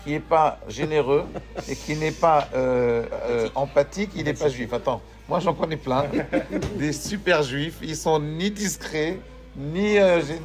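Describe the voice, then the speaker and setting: A man teaching a Torah class, animated, asking his students questions and joking with them. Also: on the high side, unhurried, faint music behind.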